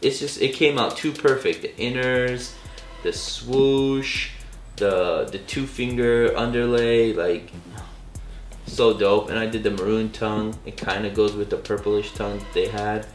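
A young Californian man with a low voice that is starting to go, chatting in a relaxed, slangy way with lots of filler words. He is recorded in an echoey room, with faint music playing underneath. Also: unhurried. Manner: relaxed, enthusiastic, slangy talk with many fillers. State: losing his voice. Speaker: sneaker vlogger. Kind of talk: casual vlog show-and-tell.

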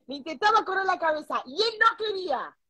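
High-pitched Argentine woman reading stories aloud. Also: animated, brisk, bright, forceful tone, no echo. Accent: Argentine Spanish. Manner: reads stories aloud with mocking asides, crude and laughing. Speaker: podcast co-host reading listener stories. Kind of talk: casual live-stream chat.

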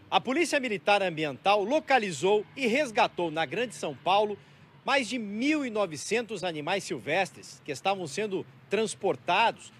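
A male TV reporter with a Brazilian accent, narrating a news report in a measured, grave tone. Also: high voice, fairly bright tone, slight background noise. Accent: Brazilian Portuguese.

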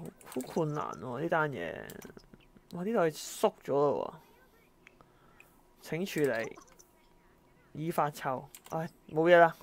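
A woman narrates her own gameplay, her voice sitting a little low. She talks in an exasperated, exclaiming way, scolding the characters on screen as she plays. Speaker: gameplay commentator. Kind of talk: let's-play commentary.

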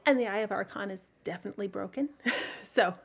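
A woman's voice: mid-range voice, a little fast, creaky, husky. A woman author hosting her weekly livestream, talking casually and rambling to viewers with many fillers, restarts and frequent laughter. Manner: laughs often between thoughts.

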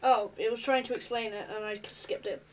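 A woman with a high voice chats casually through an online quiz, reading each question aloud and answering offhand. She sits a little back from the microphone, so her voice carries some distance. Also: fairly even intonation, a little fast. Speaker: vlogger. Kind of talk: casual chat while taking an online quiz.

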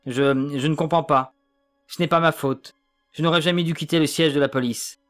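A man's voice: on the high side, steady tone, moderate pace, soft background music, close to an everyday voice. A man doing a flustered young police officer. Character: young blond male police officer, anxious and defensive.

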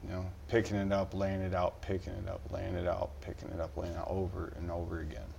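A man's voice: low-pitched, flat delivery, fast, creaky, dark tone, a little hiss or hum. A middle-aged man, a fishing guide, talking casually on a podcast, rambling with many restarts.

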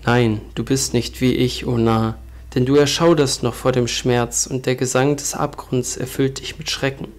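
A man's voice: mid-range voice, fairly even intonation, normal speed, lightly acted. Guy reading as the night talking back, stern solemn storybook voice. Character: the personified Night, dark, deep and aloof.

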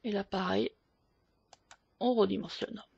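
A woman hosting a photo editing tutorial, explaining each step slowly with hesitant fillers. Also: mid-range voice, fairly even intonation, creaky, darkish tone, slightly rough, no room sound, dull audio. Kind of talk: screen-recorded software tutorial.

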